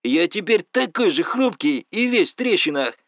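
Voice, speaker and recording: A man playing a furious friend from an audiobook, beaten up and ranting, hurling insults at the top of his voice. His pitch swings widely and the sound is dry and close. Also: big pitch swings, takes it slowly, a bit bright, no room sound, exaggerated voice. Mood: furious shouting. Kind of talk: audiobook dialogue.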